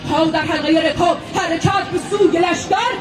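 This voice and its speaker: A woman performing theatrical epic teahouse storytelling, declaiming verse and narration in drawn-out, emphatic phrases. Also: very high voice. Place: event hall at a theatre celebration, distant mic. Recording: roomy, distant live stage recording with music, crowd.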